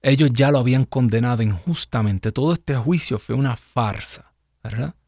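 Man, live radio Bible teacher, conversational, asks rhetorical questions, gravelly voice. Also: mid-range voice, moderate pace, darkish tone, no echo, clean studio sound. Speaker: radio program host and preacher.

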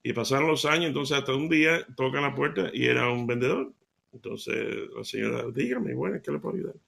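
Gravelly animated storyteller man. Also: mid-range voice, fairly quick. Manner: animated, laughing as he tells stories. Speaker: lay preacher. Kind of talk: devotional storytelling talk.

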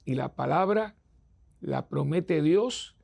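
A man preaching a sermon as a priest, gravelly and husky, emphatic, acting out the voices of people he quotes. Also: a little high, expressive, takes it slowly, darkish tone.

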